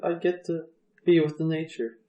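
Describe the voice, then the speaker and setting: A man's voice: a little high, little pitch movement, fairly quick, dark tone, voice pushed up, lightly acted. A man playing a mild, lonely old hermit. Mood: friendly. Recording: roomy echo.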